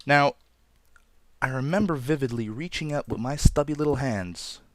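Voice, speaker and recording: A man's voice: mid-range voice, normal speed, no room sound. A man from Toronto hosting a Let's Play, telling a story in a chatty, rambling, self-deprecating way over gameplay. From Toronto, Canada.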